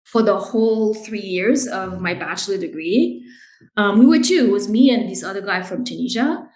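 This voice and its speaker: A woman's voice: mid-range voice, normal speed, a little mellow, echoey room, rough recording. A woman who grew up in Haiti, the guest in an interview, explaining her work in an earnest, conversational way. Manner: earnest, explains with "right?" and "you know". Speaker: guest, brand director.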